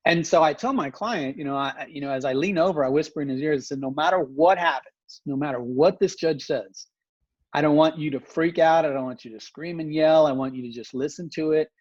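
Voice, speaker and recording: Man lawyer rambling thru a story, voice a bit high, sounds dull and dry like a muffled mic. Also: a little fast, no room sound. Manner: long rambling anecdotes with many "you know"s. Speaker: family law attorney, podcast co-host. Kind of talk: casual storytelling chat.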